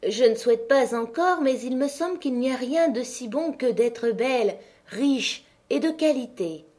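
A woman's voice: sits high, animated, unhurried, darkish tone, voice pushed up. Woman doing an emphatic peasant wife. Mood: eager. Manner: raised, emphatic, plaintive. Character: vain, quick-tempered poor peasant wife.

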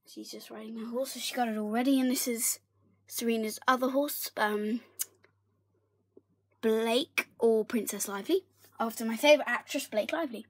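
A woman's voice: on the high side, breathy edge. A young woman narrates a casual tour of her toy horse barn, chatty and giggly, sometimes dropping to a whisper, filmed on a handheld phone in her bedroom. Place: bedroom, indoors. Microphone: handheld phone camera.

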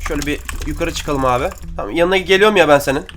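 A young man giving excitable, slangy gameplay commentary and chatting to his viewers as he plays. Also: fairly high pitch, racing, slight background noise. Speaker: gaming YouTuber.

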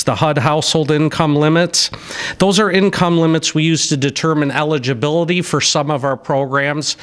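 A man's voice: a little high, fairly bright tone, smooth. A middle-aged man, a city staff member, reading budget figures from his notes at a public hearing, with some "uh" fillers and restarts. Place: city council chamber, indoors. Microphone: podium microphone.

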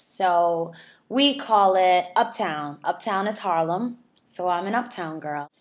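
A model and charity ambassador from New York City, a woman in her twenties, answers viewer questions in a friendly, chatty way, laughing often. Her lowish voice is expressive and slow.

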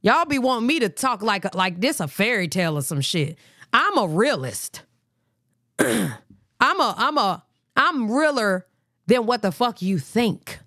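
A woman's voice: a little high, sing-song, unhurried, fairly bright tone, dry recording, clean studio sound. A woman hosting a live reaction stream in blunt, profane casual talk. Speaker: livestream host.

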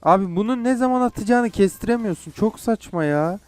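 A man's voice: high voice, lively intonation, brisk, darkish tone, no room sound. Frustrated young man swearing at a game. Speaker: gamer. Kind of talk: gameplay commentary.

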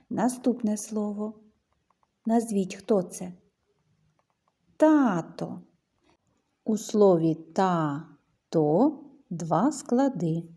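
A woman teacher giving a lesson to young children, talking in a slow sing-song way and drawing out her words. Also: mid-range voice, warm tone, husky.

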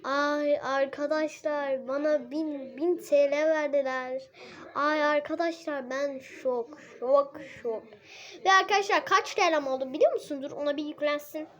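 A young woman hosting a card game stream, chatting excitably to her viewers and complaining dramatically when she loses. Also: high-pitched, moderate pace. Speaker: gaming channel host. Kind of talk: casual game commentary.

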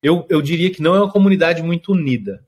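A man from Brazil, a food truck chef, talks very quickly in an easygoing interview. His voice sits a little high for a man. He tells his stories with gusto, acting out customers and checking in with "you get it?". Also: slightly rough. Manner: lively storyteller, acts out customers, keeps asking "entendeu?". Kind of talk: casual interview chat.

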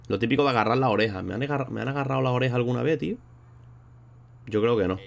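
A man's voice: medium pitch, rapid-fire, vocal fry. A man streaming live, chatting casually and rambling in a slangy way while thanking viewers between thoughts. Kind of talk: casual livestream chat.

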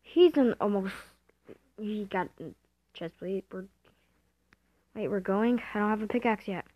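A woman giving casual gameplay commentary, excitable and self-mocking, thinking aloud as she plays. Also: mid-range voice, measured pace, no room sound. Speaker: gamer. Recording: dull lo-fi dry home recording.

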